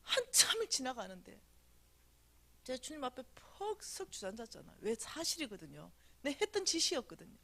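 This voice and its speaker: A woman giving a revival sermon testimony in a church, swinging between loud cries and hushed whispers. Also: sits high, wildly swooping pitch, brisk, vocal fry. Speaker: church staff speaker. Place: church sanctuary.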